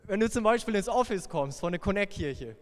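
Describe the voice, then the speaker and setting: A young man preaching a sermon, playful and lively, dropping to a hushed voice for tender lines. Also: sits high, brisk. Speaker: youth pastor. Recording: long hall reverb.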